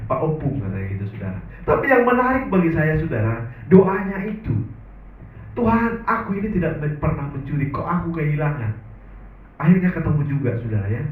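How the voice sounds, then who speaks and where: A male pastor preaching a lively sermon, telling stories to his congregation and acting out the voices of the people in them. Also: sits high. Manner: lively, acts out quoted dialogue, addresses congregation often. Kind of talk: sermon with storytelling. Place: church hall. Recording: very echoey church hall, distant mic.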